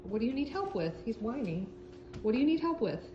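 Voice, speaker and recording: A woman's voice: on the high side, big pitch swings, brisk, reverberant, muffled recording, slight background noise. A woman talking patiently to her dog, coaxing it and asking the same questions again and again. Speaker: dog owner. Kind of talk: casual talk to a pet.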